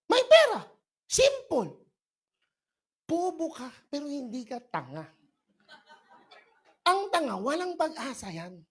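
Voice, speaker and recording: A man's voice: very high-pitched, a bit bright. A man from Pangasinan giving a comedic motivational sales talk, joking with and teasing the people in front of him. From Pangasinan, Philippines. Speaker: presenter at a business opportunity seminar. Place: in front of a live audience.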